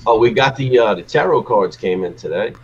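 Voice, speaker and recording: A man's voice: on the low side, lively intonation, fairly quick, lo-fi sound. A man co-hosting a casual live show, joking crudely and often repeating his words. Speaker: co-host. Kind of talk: casual chat.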